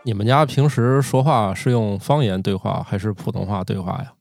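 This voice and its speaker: A man's voice: lowish voice, fairly even intonation, moderate pace, creaky, a little mellow, soft background music. Chatty joking male podcast host. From Northeast China. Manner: joking, chatty, laughs often. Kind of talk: casual chat.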